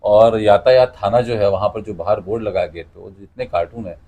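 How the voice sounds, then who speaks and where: Telling anecdotes full of quoted dialogue, a middle-aged cartoonist and radio announcer explains his answers to an interviewer in a conversational way. His voice is on the low side and warm, moving a little fast.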